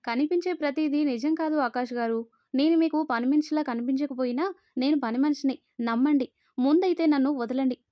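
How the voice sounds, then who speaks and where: Storybook part: sharp-tongued young village woman, always protesting, voiced by a woman narrator, high and dry. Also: fairly quick, dry recording, highs cut off, natural voice. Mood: flustered. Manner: flustered, protesting.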